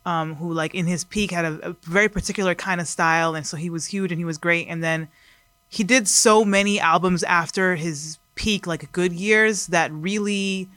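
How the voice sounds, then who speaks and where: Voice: medium pitch, steady tone, normal speed, pushed and bright, no room sound. A podcast host asking questions in casual chat, rambling with many fillers and restarts.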